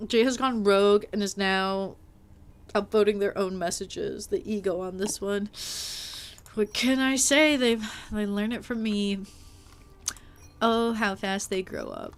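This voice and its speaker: A playful woman streamer talks a little slowly in a mid-range voice while gaming on a live stream. Lively and chatty, she ribs her viewers and herself, leans heavily on "like," and swears mildly.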